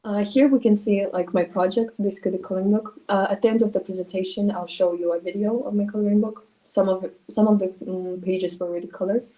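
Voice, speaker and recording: A woman from Russia, presenting her school project over a video call in an earnest way with many pauses. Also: mid-range voice, steady tone, warm tone, poor audio. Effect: on a video call, sharing her screen.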